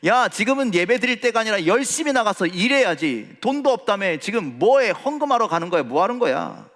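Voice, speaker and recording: A man's voice: high voice, very animated, fairly quick, a bit bright, voice pushed up. A pastor voicing Satan as a sly male spirit who taunts and coaxes, in a church with long reverb. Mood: needling. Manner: taunting, coaxing whispers.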